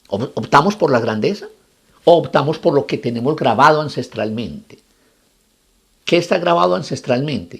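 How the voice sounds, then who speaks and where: Husky, gravelly-voiced man preaching. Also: medium pitch. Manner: emphatic, repeats phrases for effect, asks rhetorical questions. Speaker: psychologist and motivational speaker. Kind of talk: motivational talk with storytelling.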